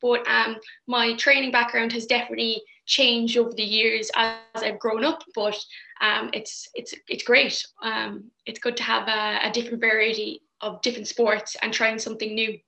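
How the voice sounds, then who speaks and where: A young Irish woman chats as an interview guest in a bright, fairly high voice. Her delivery stays even, with a creaky edge, over a roomy, echoey call. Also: normal speed. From Ireland. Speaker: podcast guest, fitness coach. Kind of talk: casual interview answers.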